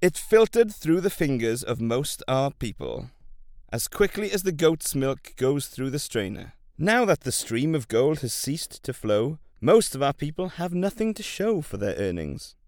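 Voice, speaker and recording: A man voicing a deferential royal chancellor who explains matters in a courtly, careful manner, pitched a bit above his narration. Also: sing-song, measured pace, darkish tone, dry recording, studio quality. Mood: worried.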